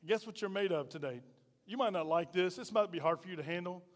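In a church sanctuary full of hall reverb, a middle-aged man speaks fast in a high-sitting voice. He's a pastor delivering a sermon, folksy and forceful, returning again and again to rhetorical questions.

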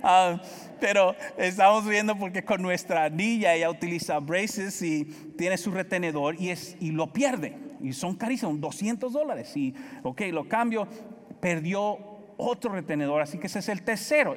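Loud Dominican pastor preaching. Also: male voice, high voice, normal speed, in a large hall. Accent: Dominican Spanish. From Dominican Republic. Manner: loud, animated storytelling, acts out family dialogue. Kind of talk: sermon.

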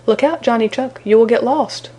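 A woman's voice: fairly high pitch, normal speed, breathy edge, voice pushed up. A woman voicing a mischievous little breeze spirit who calls out in a storybook. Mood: teasing, urgent. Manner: calling out brightly, mischievous. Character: playful little breeze spirit, female, teasing.

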